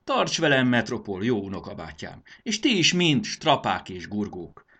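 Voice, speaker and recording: A man voicing a gentle, earnest male rebel leader who pleads with his cousin in a storybook reading. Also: mid-range voice, big pitch swings, voice pushed up. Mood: pleading. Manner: pleading, appealing to family ties.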